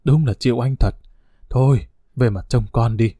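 A man's voice: mid-range voice, moderate pace, mellow, slightly rough, no room sound, clean studio sound, close to an everyday voice. A man voicing a frail, sick old woman in a hospital bed who speaks in a weak murmur. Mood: weary.

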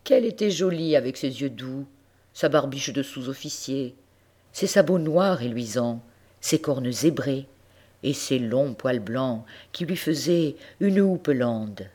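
A woman reading a classic story aloud, gentle and expressive, speaking to the listener. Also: extremely low pitch, measured pace. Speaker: audiobook reader. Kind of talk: storytelling narration.

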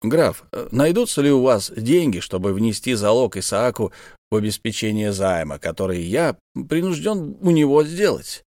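A man's voice: medium pitch, sing-song, normal speed, a little mellow, dry recording, studio quality. A man voicing a firm, commanding male army captain who serves as governor, for an audiobook. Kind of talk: audiobook character voice.

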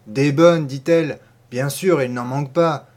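A man's voice: medium pitch, unhurried, lightly acted. A man voicing a talkative middle-aged peasant farm wife who speaks emphatically in a storybook reading. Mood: hesitant. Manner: emphatic, warming up, hesitant at first. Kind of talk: audiobook character voice.

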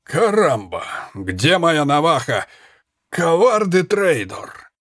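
Мужчина изображает буйного пьяного испанского вояку в аудиокниге. Он горланит и сыплет ругательствами, голос взвинченный и высокий, звучит сухо и близко. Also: male voice, on the high side, big pitch swings, slow, no echo, pitched above the performer's own voice, exaggerated voice. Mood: raging. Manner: shouting, cursing, slurred bluster. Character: drunk, brawling Spanish soldier, hot-tempered.

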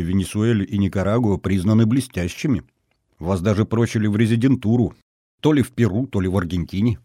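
A man reading a gruff old-school colonel. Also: lowish voice, warm tone, no room sound, clean studio sound. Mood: curious. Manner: gruff and matter-of-fact. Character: gruff, guarded middle-aged male colonel. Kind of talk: audiobook reading.

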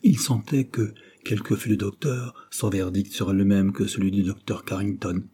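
A man narrating a classic novel as an audiobook in a steady storytelling manner. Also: on the low side, normal speed, slightly rough.

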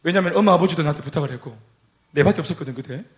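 A male pastor, telling a story in a lively, humorous sermon and acting out what people said. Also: a little high, racing. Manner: lively, humorous, acts out quotes. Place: church.

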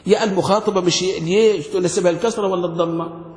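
A man's voice: high-pitched, steady tone, fast, a little mellow. A man teaches a classroom grammar lesson. He keeps asking his students questions. The sound carries a long, echoing hall reverb. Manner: quizzing students with frequent questions. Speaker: sheikh teaching Arabic grammar. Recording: echoey hall.

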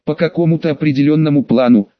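A man's voice: fairly high pitch, fast talker, dry recording, close to an everyday voice. A man voicing a stern, strict female magic mentor who lectures her students, in a dull, dry recording. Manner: strict, lecturing, mocking at times.

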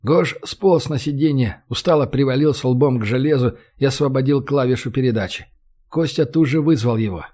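A man narrating an audiobook in an even, measured manner. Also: mid-range voice.

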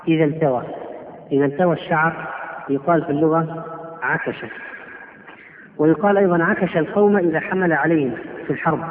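A man giving a religious lesson, explaining hadith slowly and deliberately, word by word. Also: fairly high pitch, a little hiss or hum. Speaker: Islamic scholar teaching. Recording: tinny, echoey hall recording.

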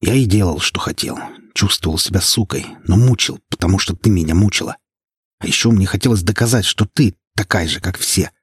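A man's voice: low voice, husky, no room sound, clean studio sound. A man playing a cold, menacing gangster boss in his forties. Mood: bitter. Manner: flat, slow, contemptuous.

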